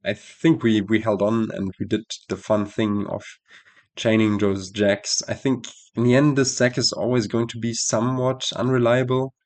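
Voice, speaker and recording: A man's voice: fairly low pitch, level tone, moderate pace, darkish tone. A man with a nasal voice giving casual, analytical commentary on a card game he just played, often correcting himself as he thinks aloud.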